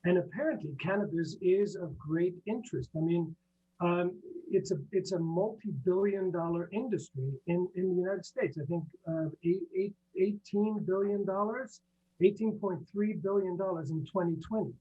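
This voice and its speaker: A high-pitched man from Iceland speaks in halting bursts, full of fillers and restarts. His voice comes through a dull, muffled remote line with a faint hum underneath. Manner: halting, repeats words, many fillers. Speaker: guest, business professor. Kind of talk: interview answers.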